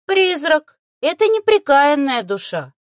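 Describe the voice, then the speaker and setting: A woman's voice: medium pitch, big pitch swings, normal speed, no echo, clean studio sound, natural voice. A woman voicing a small, grumbling, condescending male ghost animal in an audiobook. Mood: lecturing. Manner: condescending, huffy.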